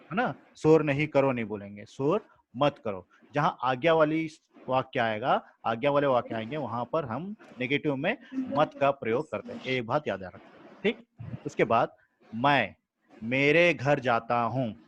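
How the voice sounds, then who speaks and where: A man's voice: mid-range voice, lively intonation, normal speed, muffled recording. A male teacher giving a grammar lesson to a class, explaining patiently, repeating examples and checking that students follow.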